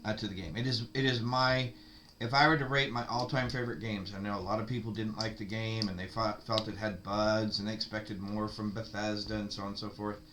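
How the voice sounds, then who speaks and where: A man's voice: on the low side, steady tone, brisk, fairly bright tone, slight background noise. A man chatting casually and at length, easygoing and a little rambling. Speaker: streamer's partner. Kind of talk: casual chat.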